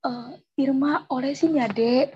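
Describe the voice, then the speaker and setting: A woman's voice: sits high, steady tone, unhurried, darkish tone, slight background noise. Woman acting as an earnest, reassuring neighbor woman. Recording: dull lo-fi recording.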